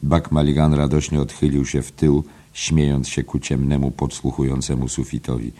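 A man reading a literary novel aloud as narrator, in a measured, even manner. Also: a bass voice. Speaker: audiobook narrator.

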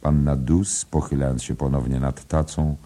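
Deep-voiced man, dark and husky, narrator reading a literary audiobook. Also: little pitch movement, normal speed. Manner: rhythmic, musical reading with wordplay.

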